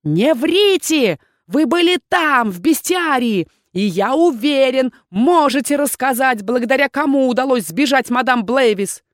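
A woman's voice: high-pitched, moderate pace, no room sound, studio quality, voice pushed up, close to an everyday voice. Woman voicing a stern suspicious male dean. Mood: accusing. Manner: sharp, interrogating, snapping commands. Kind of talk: audiobook character voice.

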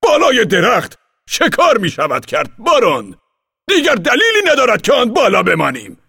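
A man voicing a fiery old exiled commander who declaims his words slowly and loudly in an audiobook. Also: very high voice, wildly swooping pitch, vocal fry, slightly rough, no room sound, studio quality, voice pushed up, full character voice. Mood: fiery, rousing. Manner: declaiming, slow and loud.

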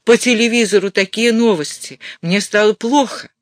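A man voicing an excitable, indignant elderly mother in an audiobook, with a scolding, emphatic manner. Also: high-pitched, moderate pace, no room sound, pitched above the performer's own voice. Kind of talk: audiobook character voice.

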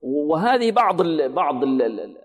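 A man teaching Quran recitation in a radio lesson, explaining letter sounds, often asking his listeners rhetorical questions and chanting words slowly to demonstrate them. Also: a little high, sing-song, big-room sound.

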